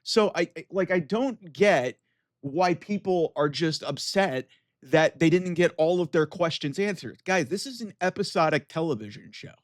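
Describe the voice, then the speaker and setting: A man with a fairly high-set voice delivers casual, opinionated commentary. He is emphatic and argumentative, speaking straight to his audience as a channel host would. The sound is dry, with no room echo. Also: animated, normal speed. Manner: emphatic, argumentative, addressing viewers directly. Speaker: wrestling commentator with an online channel.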